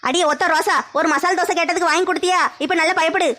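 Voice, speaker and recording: A woman playing a teasing old grandmother who scolds with quick banter. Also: very high voice, steady tone, sharp tone, slight background noise.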